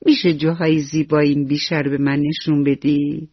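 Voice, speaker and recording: A man's voice: fairly high pitch, level tone, no room sound. A man voicing a rude, teasing little frog in a children's radio story. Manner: cheeky, teasing. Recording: dull lo-fi radio recording with faint music.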